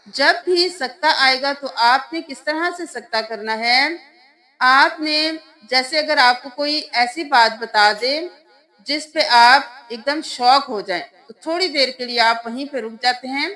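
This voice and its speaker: High-voiced woman teaching Quran reading. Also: pushed and bright. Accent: Pakistani Urdu. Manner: patient step-by-step explaining, then slow drawn-out chanting of verses. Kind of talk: spelling-out recitation lesson.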